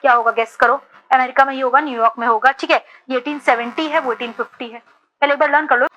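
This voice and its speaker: A woman teacher with a high, bright voice runs an exam-prep lecture. She fires quick questions at her students and mixes Hindi with English. She keeps checking that they are following along. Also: steady tone, poor audio. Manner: repeats "ठीक है" to check understanding.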